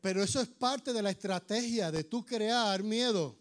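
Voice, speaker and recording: Slightly hoarse high-voiced preacher. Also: male voice, moderate pace. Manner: animated, acts out voices. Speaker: pastor. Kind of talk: sermon.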